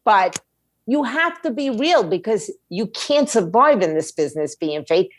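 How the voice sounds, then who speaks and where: This middle-aged woman, guesting on a podcast as a music attorney and indie label owner, offers frank, streetwise advice in conversation, often posing rhetorical questions. She speaks at medium pitch, very animated yet unhurried, with no echo.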